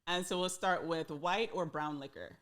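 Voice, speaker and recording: A woman hosting a podcast, upbeat and laughing often as she fires off quick questions. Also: on the low side, fairly bright tone. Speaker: podcast host. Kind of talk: casual interview chat.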